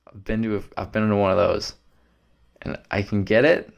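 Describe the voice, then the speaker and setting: A man's voice: on the low side, little pitch movement, moderate pace, gravelly, highs cut off. A young man, hosting a solo podcast in a loose, rambling, profane way. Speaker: podcast host.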